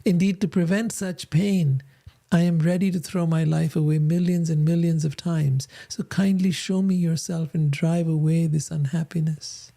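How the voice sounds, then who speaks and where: Lovesick young goddess, imploring, read by the narrator; dark, gravelly tone. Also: mid-range voice, fairly even intonation, moderate pace. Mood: pleading.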